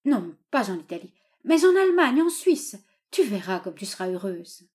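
A woman's voice: sing-song, normal speed, a little mellow, close to an everyday voice. A woman reading a novel aloud, voicing an old father who pleads with his daughter and then rages at her suitor. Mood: pleading. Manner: pleading then furious, raised and high. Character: doting, tyrannical old father, quick to rage.

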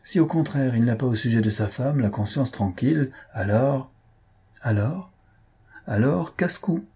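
A man's voice: medium pitch, lively intonation, unhurried, mellow, husky, voice pushed up, heavily acted. Man doing a poised, amused young countess. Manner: light, amused, unruffled.

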